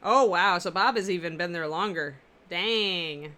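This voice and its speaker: This woman's voice is on the low side, a little slow, bright and forceful, with a powerful carrying quality. She hosts a miniature painting livestream from her apartment, chatting casually and replying to viewers' comments as she paints.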